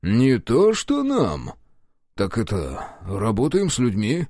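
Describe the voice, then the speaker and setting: A man's voice: medium pitch, huge pitch swings, slow, darkish tone, no room sound, clean studio sound, exaggerated voice. A man reading an audiobook, voicing a cowardly, corrupt young police officer who whines evasively and pleads.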